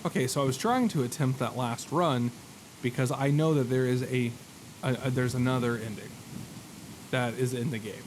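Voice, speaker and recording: A gaming streamer, speaking in a mid-range voice at a moderate pace, gives relaxed let's-play commentary full of rambling thoughts and jokes about himself. Game music runs underneath, along with slight background noise.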